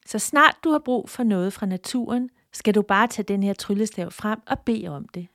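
A woman's voice: medium pitch, lively intonation, no echo, studio quality. A woman doing a solemn little forest man. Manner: solemn, hushed at times.

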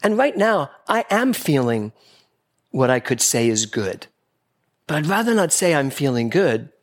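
Lively spiritual speaker addressing a gathering. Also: male voice, fairly high pitch, a little slow. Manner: playful, animated, acting out little exchanges in quoted voices. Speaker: speaker giving a spiritual talk. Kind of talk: spiritual talk to a live audience. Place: gathering hall with a live audience.

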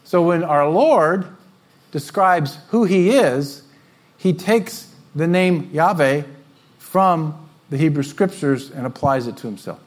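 A man pastor giving a conversational sermon to his congregation, teaching with frequent fillers and gentle asides. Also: fairly high pitch, lively intonation, takes it slowly.

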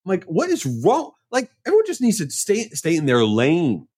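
A male podcast host telling a story in a casual monologue, animated, with mock exasperation. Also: fairly high pitch, brisk.

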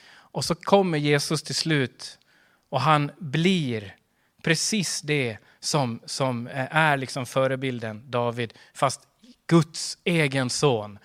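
A man's voice: fairly high pitch, a bit bright. A man preaching a sermon as pastor, earnest, with rhetorical questions and emphatic swells.

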